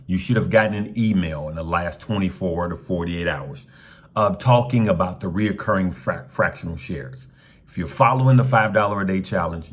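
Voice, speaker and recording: A stock market channel host gives his viewers a casual update, talking in a relaxed, conversational way with frequent ums and uhs. His voice is low and still rough from the morning.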